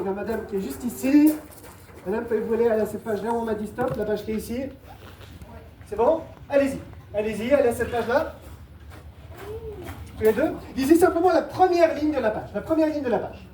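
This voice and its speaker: A woman's voice: a little high, fairly quick, dark tone. A woman performing a mentalist act on stage, playfully guiding audience volunteers and patiently repeating her instructions. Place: live show venue with audience. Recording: echoey, distant mic, noisy live room.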